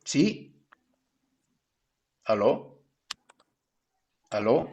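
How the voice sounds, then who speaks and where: A man, a pastor teaching a theology class over a video call, telling stories in a lively way and acting out the voices he quotes. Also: lowish voice, extremely slow, a little hiss or hum.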